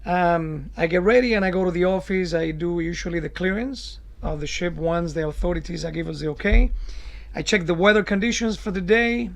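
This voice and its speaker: High-pitched, creaky-voiced man explaining his job. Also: brisk. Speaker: cruise director. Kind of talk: interview answers.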